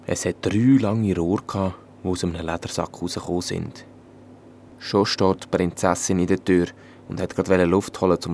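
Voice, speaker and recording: Low-voiced Swiss German storyteller. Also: male voice, a little hiss or hum. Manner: calm, even storytelling in dialect. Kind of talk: fairy-tale narration.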